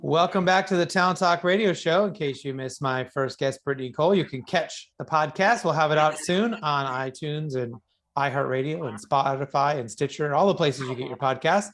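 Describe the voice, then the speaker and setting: Casting: male radio interviewer, medium-high voice, casual and somewhat halting in phrasing. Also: fairly bright tone. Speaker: radio show host and interviewer.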